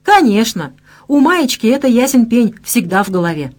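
A woman's voice: fairly high pitch, very animated, moderate pace, pitched above the performer's own voice. A woman reading an audiobook and voicing a brash, gossipy young female office designer. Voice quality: brash, slangy.

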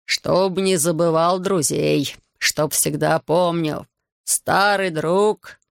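Guy reading a drunk bragging fisherman, drawls everything, gravelly, dry close audiobook sound. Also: fairly high pitch, steady tone, slow pace, dry recording. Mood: maudlin toasting. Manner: slurred, dragging, loud and maudlin. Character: drunk boastful fat man, sentimental old fisherman.

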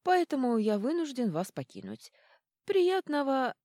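A woman's voice: sits high, big pitch swings, measured pace, a little mellow, no echo, clean studio sound, voice pushed up. A woman voicing a polite young prince who is tipsy and trips over his words. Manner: formal, stumbling over words.

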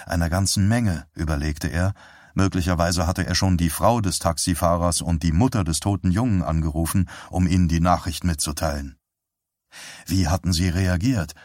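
A man narrating an audiobook in a steady, even storytelling manner. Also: low voice, no room sound, studio quality. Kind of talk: scripted narration.

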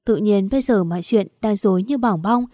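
A woman's voice: medium pitch, fairly quick, mellow, no room sound, studio quality. A woman narrating a first-person story, telling it plainly and lifting her voice a little for the quarrels.

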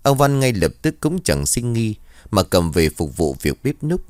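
A man's voice: on the low side, sing-song, measured pace, a little mellow, no room sound, clean studio sound. A man narrating a ghost story in a dramatic storytelling way.

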